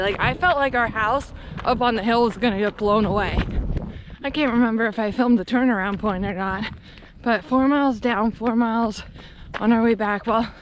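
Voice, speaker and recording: American woman, high-ish voice, talking while running, chatty vlog style, candid, noisy outdoor road recording. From Pennsylvania, United States. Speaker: running vlogger. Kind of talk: casual chat to camera while running. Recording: outdoor wind and passing traffic noise.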